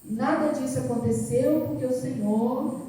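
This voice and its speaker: A woman preaches in an earnest, storytelling way, often repeating her phrases. Her voice is dark and mellow but sits a little high. She is picked up from a distance, and the big church echoes loudly around her. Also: a little slow. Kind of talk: sermon with personal testimony. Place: large echoing church hall.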